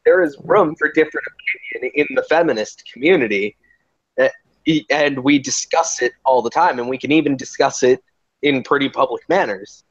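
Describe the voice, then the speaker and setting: Man host, halting, a bit tongue-tied; dry, muffled lo-fi recording. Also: medium pitch, slightly rough, no room sound. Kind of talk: casual conversation.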